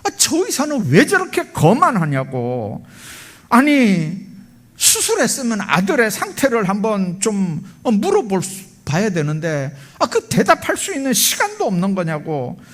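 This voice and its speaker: A man voicing an angry father who yells accusations at a doctor, acted out inside a sermon. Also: high-pitched, wildly swooping pitch, measured pace, pitched above the performer's own voice, exaggerated voice. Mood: indignant. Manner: yelling, accusing, indignant. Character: furious, shouting father of a boy in surgery.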